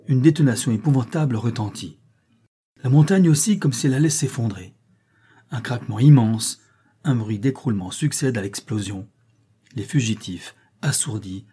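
A male narrator reads a novel aloud with expressive, dramatic phrasing. His voice is dark and mellow, with a husky edge. He sits at a middle pitch. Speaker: audiobook narrator.

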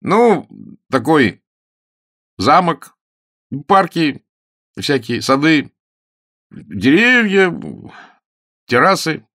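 A man voicing a hot-tempered, jealous young gentleman who blusters and sulks, in an audiobook. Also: fairly high pitch, very animated, extremely slow, pauses often, no room sound, studio quality, pitched above the performer's own voice, exaggerated voice. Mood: eager. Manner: blustering, sulky.

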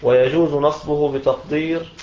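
A man reading a commentary aloud in a lesson, steady and measured, pausing at each phrase. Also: a little high, a little hiss or hum. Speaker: student reader. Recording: dull echoey lo-fi recording.

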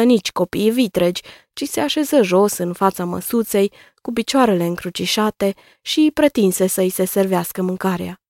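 A woman reads a children's story aloud in a calm, measured voice. Her pitch sits in the middle. The recording is dry and close to the mic. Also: dry recording. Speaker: narrator. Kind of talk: scripted narration of a children's story.

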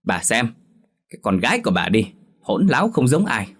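A gruff, hot-tempered drunk father barks contempt in a storybook drama, as the male narrator plays him. His voice is deep and husky, with a breathy rasp. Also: big pitch swings, moderate pace. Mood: angry. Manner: barking, contemptuous.

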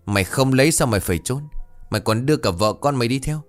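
A man's voice: mid-range voice, expressive, quick pace, faint music behind, voice pushed up, natural voice. A man voicing a cruel, arrogant rich landlord villain, harsh and threatening. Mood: accusing.

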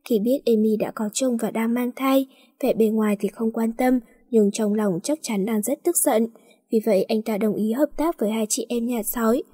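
A woman reads an audio story in an even, steady manner. Her voice is husky, mellow and slightly high. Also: no echo, clean studio sound.

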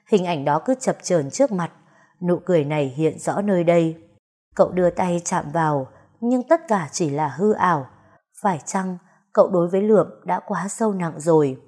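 Woman narrating a melodrama, low-pitched. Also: warm tone. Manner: emotive, melodramatic. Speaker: storyteller. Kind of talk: dramatic story narration.

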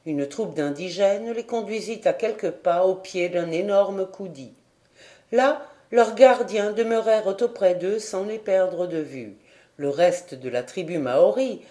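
Slow, mellow woman narrating a novel. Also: mid-range voice. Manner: measured, even storytelling. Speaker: audiobook reader. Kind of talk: audiobook narration of a classic novel.

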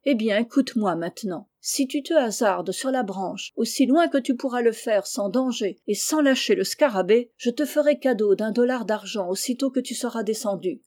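A woman reading aloud, voicing an excitable, obsessed man who gives urgent orders in a story. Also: fairly high pitch, moderate pace, hardly any pauses, close to an everyday voice. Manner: urgent, commanding questions. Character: excitable eccentric man, obsessed treasure seeker.

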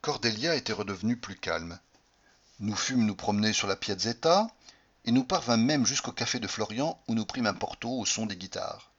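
Man, audiobook narrator, first-person novel, expressive, bright tone, muffled recording. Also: on the low side, normal speed, husky. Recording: slightly dull lo-fi recording.

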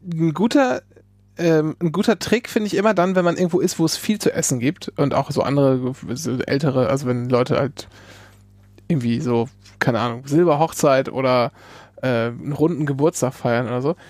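A man in a casual podcast chat, thinking aloud in a halting way as co-host. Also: mid-range voice, darkish tone, no room sound.

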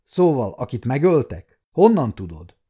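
A man's voice: medium pitch, sing-song, warm tone, husky. An adult man voicing a scheming, domineering nobleman who speaks in a commanding, mocking way. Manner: commanding, sneering.

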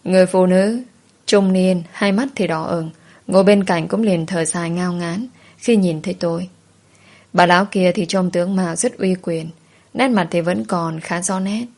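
Woman reading a first-person story out loud, lowish voice, steady. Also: moderate pace. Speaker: narrator.

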